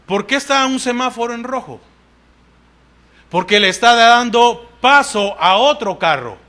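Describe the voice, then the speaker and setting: A man's voice: very high-pitched, animated, unhurried, bright, forceful tone. A man with a Salvadoran Spanish accent preaching a sermon in church, asking the congregation questions and answering them with frequent "amén".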